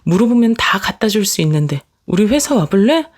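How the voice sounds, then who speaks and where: A woman narrating a dramatized family story in the first person, talking in a sharp, cutting, sarcastic way. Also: mid-range voice, sing-song, brisk.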